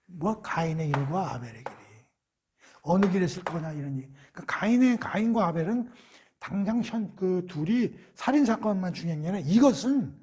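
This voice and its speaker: A man's voice: high-pitched, animated, brisk, warm tone, breathy edge. A man giving a Bible study lecture, asking rhetorical questions and answering them himself in a conversational way. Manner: conversational, acts out quotes.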